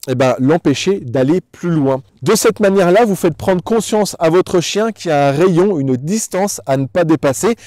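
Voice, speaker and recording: A man's voice: on the high side, a little mellow, dry recording. A man working as a dog trainer, explaining things in a didactic, instructional way and addressing the viewer directly. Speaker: dog trainer presenting a tutorial.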